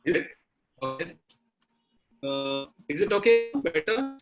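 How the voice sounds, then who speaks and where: A man's voice: a little high, big pitch swings, music in the background. Man on a choppy video call. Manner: formal, halting with pauses. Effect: voice over a video conference call with breaking-up audio. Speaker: chapter official giving the welcome address. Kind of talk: formal welcome speech. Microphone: computer or phone mic on a video call. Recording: distant, breaking-up video call audio.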